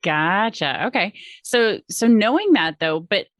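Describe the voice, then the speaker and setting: A woman's voice: mid-range voice, very animated, unhurried, no room sound, clean studio sound. A woman hosting a casual interview podcast, chatty and informal, congested with a head cold. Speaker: podcast host.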